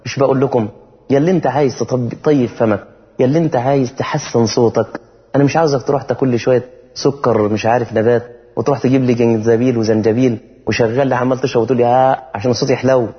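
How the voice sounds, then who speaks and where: A man preaching with an Egyptian Arabic accent, talking casually and lively, then slowing down to chant verses in a melodic tone. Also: medium pitch. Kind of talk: sermon. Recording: dull sound with long hall reverb.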